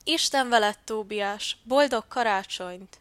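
A kind, cheerful dove, as a woman reader puts him on, speaking warmly and a bit loud. The sound is dry and close. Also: mid-range voice, flat delivery, no echo, lightly acted.

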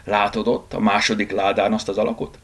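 A man's voice: fairly low pitch, little pitch movement. A man voicing a bold, determined house cat who talks firmly, often in a whisper. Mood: brisk.

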